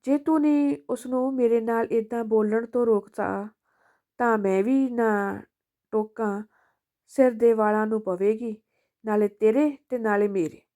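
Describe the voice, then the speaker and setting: A woman voicing an elderly mother who speaks softly and forgivingly to her son, in a storybook reading. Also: on the high side, steady tone, a little slow. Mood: pleading. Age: older.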